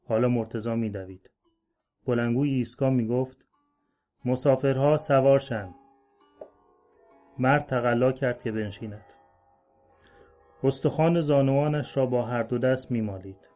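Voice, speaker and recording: A man reading a literary short story aloud in a measured, slow-building delivery. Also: medium pitch, warm tone. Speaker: story reader. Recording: faint music bed under voice.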